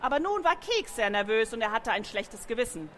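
Lively woman reading a children's story. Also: fairly high pitch, a little fast, slight background noise. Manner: lively, with sound effects. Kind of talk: reading a children's book aloud.

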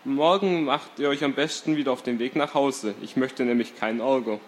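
A man's voice: medium pitch, a little fast, slight background noise, natural voice. A man voicing a blunt, wary old woman from a village in a storybook reading.

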